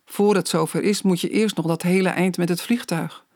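A storyteller voicing a fussy, caring grandmother in an audiobook, speaking softly and anxiously. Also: medium pitch, fairly even intonation, normal speed, no room sound, clean studio sound, lightly acted. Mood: fretful. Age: older. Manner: soft, fretful.

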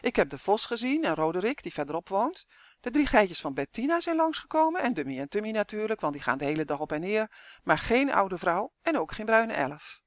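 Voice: medium pitch, very animated, fairly quick, no echo, clean studio sound, close to an everyday voice. A storybook narrator voicing a small, bossy, chatty dwarf girl who talks eagerly and insistently.

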